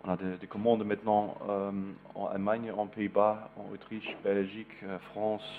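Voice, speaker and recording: A lowish-voiced man with a foreign, German accent gives a public lecture in a language that is not his native one. He speaks haltingly, searching for his words, and the sound is narrow like a phone line. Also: level tone, slight background noise. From East Germany. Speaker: visiting architect lecturer.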